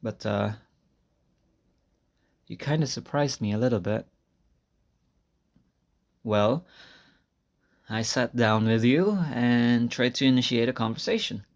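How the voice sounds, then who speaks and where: Slow and creaky, pausing often, a man performs an intimate audio roleplay as an earnest, shy senior talking to his crush. He's soft-spoken and hesitant, sighing and laughing lightly in a nostalgic, bashful mood; it's an amateur recording with no proper microphone.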